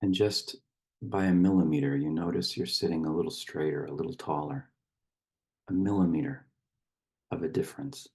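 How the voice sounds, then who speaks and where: A man acts as a meditation guide and poetry reader, speaking in slow, measured phrases with long pauses. His husky, gravelly voice is bass and a little mellow.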